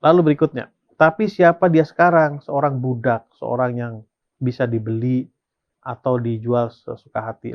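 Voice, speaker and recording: In this Bible study clip, an Indonesian man with a medium-pitched voice teaches a Sabbath school lesson. He reads passages aloud, explains them, and often asks a question only to answer it himself. The recording has its highs cut off.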